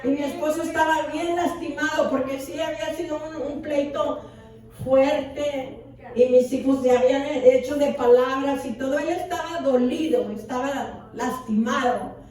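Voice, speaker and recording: A woman's voice: sits high, steady tone, unhurried, a little mellow. A woman pastor giving an impassioned testimony sermon, repeating words for emphasis. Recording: echoey hall from far off.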